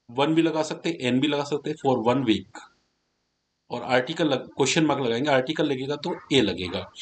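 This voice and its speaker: A man's voice: a little high, a bit bright. A man teaching English grammar in a Hindi classroom lesson, explaining patiently step by step and asking his students questions as he goes. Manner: slows down to dictate English words one at a time.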